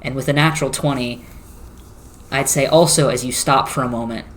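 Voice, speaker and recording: Game master narrating slowly, descriptively. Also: mid-range voice, steady tone, fairly bright tone. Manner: slow descriptive narration with filler words.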